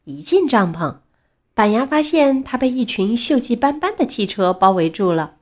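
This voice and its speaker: A woman's voice: fairly high pitch, moderate pace. Woman reading kids story, super bouncy up-and-down voice. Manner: lively, expressive storytelling. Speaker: narrator. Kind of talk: children's story narration.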